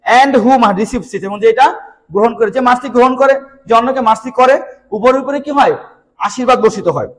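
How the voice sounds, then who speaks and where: A man with a Bangladeshi accent teaching an English lesson, reading each line slowly and then explaining it at length with questions to his students. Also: very high voice, low-quality recording.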